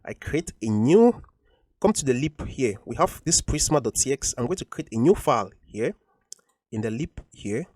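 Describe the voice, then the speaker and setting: A man's voice: mid-range voice, big pitch swings, normal speed, darkish tone. A man teaching a coding tutorial over a screen recording, explaining patiently and repeating each point with frequent ums.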